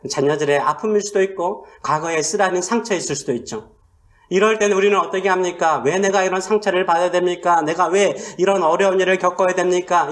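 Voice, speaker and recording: A male pastor delivering a sermon, asking rhetorical questions and swinging between loud emphasis and hushed asides. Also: sits high.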